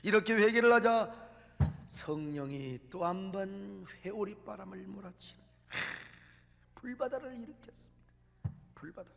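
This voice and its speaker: A male pastor telling a revival story in a dramatic sermon, swinging from shouts to whispers, in a large church. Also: high-pitched, measured pace, creaky, pauses often. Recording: long church hall reverb.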